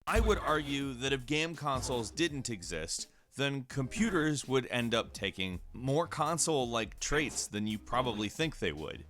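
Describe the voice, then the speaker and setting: A man's voice: mid-range voice, expressive, a little slow, few pauses, a bit bright. A man narrating an argumentative video essay in an articulate, reasoned way. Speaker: video commentator. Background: music.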